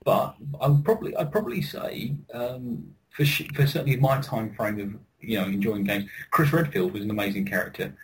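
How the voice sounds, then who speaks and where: A man's voice: mid-range voice, lively intonation, fairly quick, hardly any pauses. A man co-hosting a podcast in casual banter, laughing often and repeating himself as he argues. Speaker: podcast co-host.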